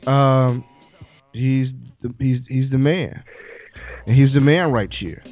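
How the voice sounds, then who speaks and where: A man's voice: medium pitch, slow, a little mellow. A man hosting a casual chat, recapping events in a laid-back storytelling way. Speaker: podcast host. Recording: muffled lo-fi with faint music.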